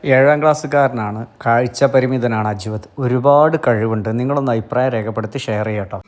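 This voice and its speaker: A man's voice: mid-range voice, fairly quick. A man, a vlogger casually interviewing a child performer and urging viewers to comment and share.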